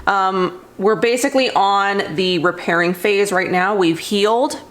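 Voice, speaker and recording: A woman's voice: medium pitch, measured pace, fairly bright tone. A young woman chatting casually to camera as a beauty vlogger at home, rambling with many fillers. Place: home room with cats.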